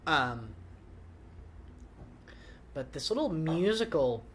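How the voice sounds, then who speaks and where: A man's voice: fairly high pitch, very animated, takes it slowly, a bit bright, slight background noise. A man giving casual film commentary as the director, rambling informally and trailing off, recorded on a handheld recorder in a living room. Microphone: handheld portable recorder in the room.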